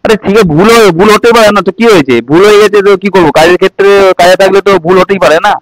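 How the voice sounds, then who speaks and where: A man's voice: sits high, rapid-fire, no echo, low-quality recording. A man, pleading and apologizing in a casual home vlog. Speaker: vlogger, husband.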